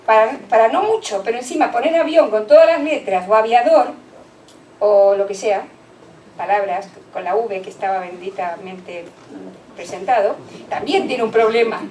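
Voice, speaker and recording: Woman lecturer, high voice, halting explanatory delivery; distant mic, faint background noise. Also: a little mellow, reverberant. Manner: explains with many fillers and restarts, reads children's texts aloud. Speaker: lecturer on early literacy. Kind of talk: conference lecture. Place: conference hall.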